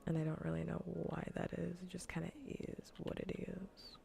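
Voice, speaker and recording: A woman with a soft, low voice hosts a cozy gaming livestream, chatting casually ASMR-style into a close microphone. Her voice is creaky, breathy and whispery, often slipping into whispers, with level tone, normal speed and slight background noise.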